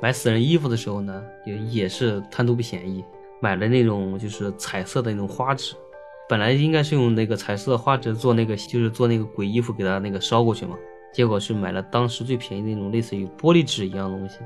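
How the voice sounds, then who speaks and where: A man's voice: on the low side, fast talker, faint music behind. A man telling a ghost story in a chatty, casual way, full of fillers. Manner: chatty, filler-heavy, lively.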